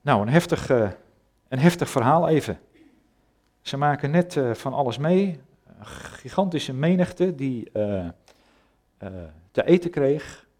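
A man preaching a sermon, retelling a Bible story in a casual, conversational way, pausing often with filler sounds. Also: medium pitch, animated, darkish tone. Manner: conversational, hesitant with many fillers.

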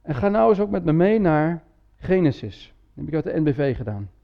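A man's voice: a little high, very animated, fairly quick, gravelly, muffled recording. A man preaching a sermon in a church, talking in a conversational way with frequent tag words and restarts. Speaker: pastor.

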